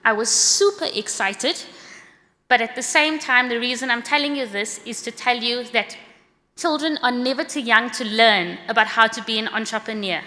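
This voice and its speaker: Bright-voiced South African woman presenting. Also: a little high. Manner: brisk, earnest, slightly read-out delivery. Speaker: course creator presenting at a conference. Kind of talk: prepared conference talk. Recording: long hall reverb.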